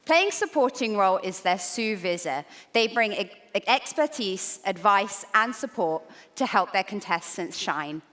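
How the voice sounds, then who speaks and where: Bubbly lively female stage host. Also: mid-range voice, measured pace, few pauses. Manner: bubbly, punny. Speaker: co-host of live competition. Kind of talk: energetic stage hosting. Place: conference stage. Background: music.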